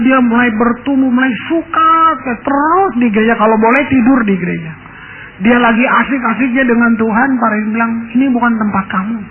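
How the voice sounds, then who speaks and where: A male pastor telling a story in a sermon, often turning to address the congregation directly. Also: extremely high pitch. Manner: keeps addressing the congregation as brothers and sisters. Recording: tinny lo-fi radio sound, faint hiss.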